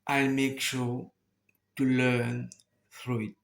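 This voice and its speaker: A man with a Mauritian accent and Mauritian Creole as his first language talks casually to viewers, halting as he searches for words and repeats phrases. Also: medium pitch, flat delivery, creaky. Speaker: YouTuber making a first video.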